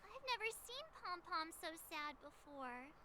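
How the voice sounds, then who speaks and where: A bubbly game heroine who talks playfully and teasingly in a very high, bouncy voice. She speaks unhurriedly, with lots of rise and fall, and a light background hiss sits under her. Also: unhurried, full character voice. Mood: cheerful. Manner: lively, teasing, reassuring. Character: cheerful teen girl companion, playful.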